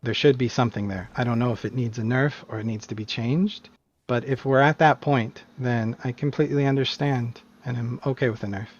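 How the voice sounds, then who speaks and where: A man's voice: mid-range voice, fairly quick, dull audio. A man answering interview questions in a casual, emphatic way, often restarting his sentences. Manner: animated, emphatic opinions with frequent restarts. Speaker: guest, competitive game player.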